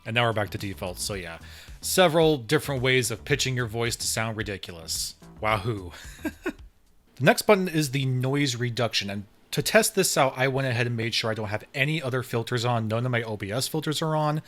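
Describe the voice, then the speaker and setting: A man talks through a gear review at his desk, mid-pitched, easygoing and conversational, stretching out his words with repeats like "really, really." the mic sits a short way off, and a room fan and computer whir somewhere nearby. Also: animated, brisk, a bit bright, faint music behind. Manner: chatty, repeats words for emphasis. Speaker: tech reviewer. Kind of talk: casual product review. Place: home room with fan and PC running. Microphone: desk microphone about eight to ten inches away.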